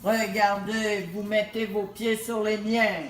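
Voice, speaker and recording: A slow, stilted robot, as a woman puts it on for a child, drawls each word out in a soft mid voice. The robot plods along gently and playfully. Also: medium pitch, little pitch movement, roomy sound, faint music behind, natural voice. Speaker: parenting coach. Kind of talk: playful role-play demonstration with a child.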